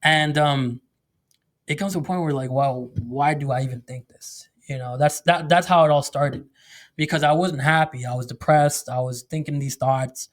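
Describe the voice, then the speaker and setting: A man's voice: a little high, moderate pace. A man talking as a podcast guest, telling his story in a candid, casual way with many fillers and restarts. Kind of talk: candid conversational interview.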